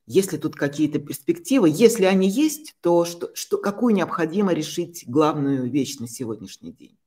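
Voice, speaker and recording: A man's voice: fairly high pitch, expressive, normal speed, a little mellow. A man interviewing a guest, asking a long question while searching hesitantly for his words.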